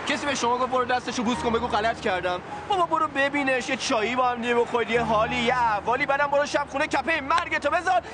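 An exasperated, scolding young friend. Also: male voice, very high voice, few pauses, noisy background. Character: exasperated young man lecturing his friend. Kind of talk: TV drama acting.

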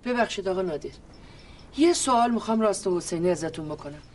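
An actress playing a calm figure who mediates a family dispute and talks the others down. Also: female voice, fairly low pitch. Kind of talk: TV comedy drama acting.

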